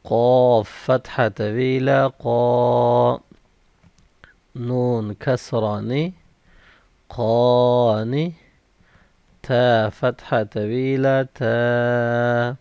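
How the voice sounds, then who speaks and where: Slow, clear male Quran reading teacher. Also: medium pitch, steady tone, darkish tone, dry recording. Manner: spells out each letter and vowel, then blends the syllables slowly. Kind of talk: slow syllable-by-syllable recitation drill. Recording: dull, slightly lo-fi dry recording.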